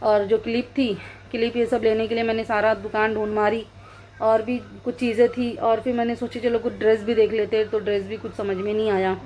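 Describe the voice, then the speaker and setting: A woman's voice: on the high side, a little fast. Chatty woman vlogger, filmed on a phone with noisy surroundings. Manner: chatty, excitable with children. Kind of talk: casual vlog narration. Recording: phone recording with street noise.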